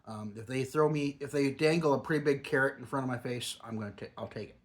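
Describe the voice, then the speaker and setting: A man's voice: medium pitch, fast talker. A middle-aged or older man chatting casually and rambling like a home reviewer, talking with a lip full of dip. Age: middle-aged or older, a grandfather. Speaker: product reviewer.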